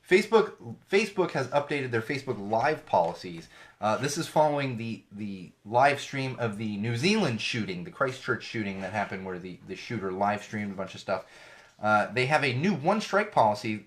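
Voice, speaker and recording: This podcast host's lowish, fairly bright voice carries his casual solo talk, full of sarcastic, sweary rants about social media and tech. An ear infection leaves his voice sounding a bit off.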